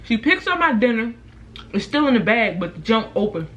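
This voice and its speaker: Animated young woman telling a profane story. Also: a little high, brisk. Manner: animated, profane, acts out quotes. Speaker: vlogger. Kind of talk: casual storytime while eating.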